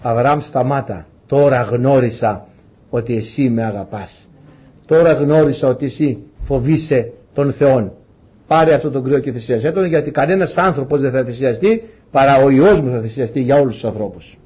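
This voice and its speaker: A man voicing a calm, solemn angel inside a sermon story. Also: husky, close to an everyday voice. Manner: low, slow and solemn. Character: angel speaking God's word, solemn and calm.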